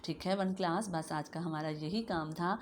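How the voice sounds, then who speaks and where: Lady teacher talking slow to little kids, stretches every sound, bit of background noise. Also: fairly low pitch, fairly even intonation. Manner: slow, drawn-out syllables and repeated "okay". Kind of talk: slow classroom lesson for young children.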